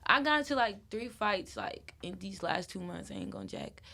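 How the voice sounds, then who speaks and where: A woman's voice: mid-range voice, moderate pace. A young woman from Wisconsin, a guest in a casual interview, talking loosely with lots of "like" and frequent laughter. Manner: loose and animated, heavy use of "like", laughs often.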